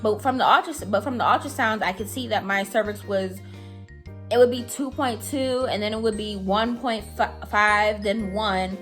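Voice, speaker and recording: A woman's voice: medium pitch, normal speed, fairly bright tone, soft background music. A young woman vlogger telling a personal story in a casual, chatty way, full of "like" and "I'm telling you", sounding anxious.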